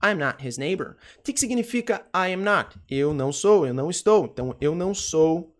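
A Brazilian man teaching English in a casual recorded lesson. He asks himself the students' questions, answers them, and repeats example sentences slowly. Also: fairly high pitch, animated. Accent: Brazilian Portuguese.

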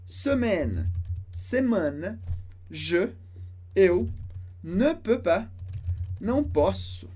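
Woman teacher, animated husky delivery, careful French lesson read. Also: mid-range voice. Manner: slow, careful pronunciation of French phrases. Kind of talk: language lesson explaining a dialogue.

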